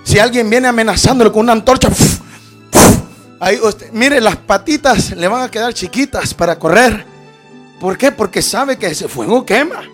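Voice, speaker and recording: A man preaching a fiery sermon, often shouting at the peaks and calling his listeners brother. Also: high voice, moderate pace, soft background music. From Latin America.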